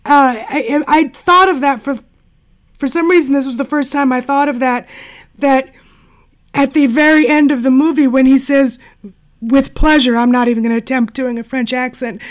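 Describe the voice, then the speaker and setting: A woman hosting a podcast interview, asking long, discursive questions. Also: sits high. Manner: inquisitive, discursive. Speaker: podcast host.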